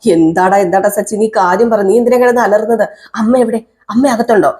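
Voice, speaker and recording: Brief: woman as fatherly middle-aged dad, mellow, coaxing. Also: medium pitch, fairly even intonation, brisk, lightly acted.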